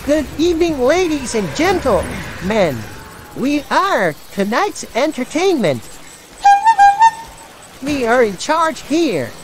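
A woman's voice: high-pitched, very animated, slow pace, loud music behind the voice. A synthetic female text-to-speech voice reading out donation messages. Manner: synthetic social media TTS voice. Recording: clear background noise.

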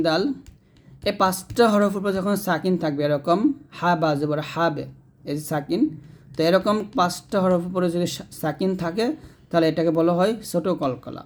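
A man with a Bangladeshi Bengali accent teaching Quran reading. He spells out each letter and syllable slowly, then chants the verses. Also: sits high, a little mellow. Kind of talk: spelling-out recitation lesson.

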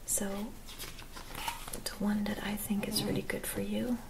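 A woman in her twenties doing a whispered role-play as a spa attendant, speaking softly and gently in an attentive, whispery voice. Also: mid-range voice, level tone, unhurried, creaky, noisy background. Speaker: ASMR performer playing a spa clinic receptionist and therapist. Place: small dim room at home.

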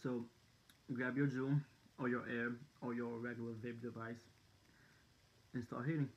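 A man's voice: medium pitch, flat delivery, normal speed, highs cut off. A young man vlogging, telling a story in a casual, rambling way, full of fillers and slang.

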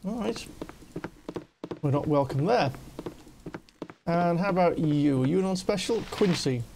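Man, let's play commentary, high voice, chatty, faint background noise. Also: lively intonation, unhurried, vocal fry. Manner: reads game dialogue aloud, chatty. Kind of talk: casual game commentary.

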